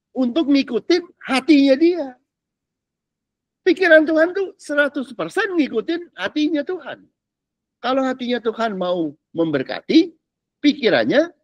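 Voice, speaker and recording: Male pastor teaching a casual class, animated and slangy, dry close sound. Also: very high voice, dry recording. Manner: chatty, keeps checking the class understands, drops English words; uses casual Jakarta slang. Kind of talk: informal teaching talk.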